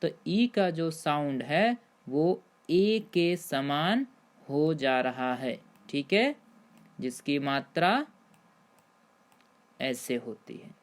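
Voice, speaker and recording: A woman's voice: sits low, animated. A woman teaching English pronunciation in Hindi, spelling words out letter by letter before saying each one and repeating the rules for her viewers. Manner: spells out letters slowly, then says each word. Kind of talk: Hindi-language spelling lesson.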